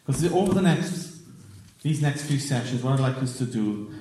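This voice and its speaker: A visiting preacher from South Wales, speaking with a Welsh accent, delivers an earnest sermon that builds to emphatic declarations. His medium-pitched voice has lively intonation at normal speed, heard from far off in an echoey church sanctuary with background noise.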